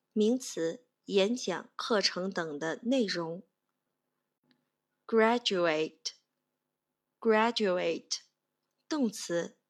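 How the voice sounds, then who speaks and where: Slow, husky woman teaching grammar. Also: medium pitch. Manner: methodical, spells out stress and vowels, repeats each word twice. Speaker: English teacher. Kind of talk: slow, deliberate grammar lesson.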